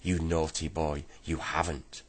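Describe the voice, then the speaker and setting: A man voicing a fierce, bossy old woman from a storybook, scolding and shrill. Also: level tone, a little slow, breathy edge, full character voice.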